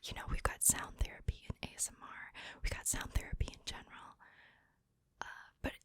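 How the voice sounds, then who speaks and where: A woman's voice: brisk, a bit bright, no room sound. A woman whispering breathily, very close to the ear, in a casual ASMR chat. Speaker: ASMR video maker. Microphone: very close to the mic, ear to ear.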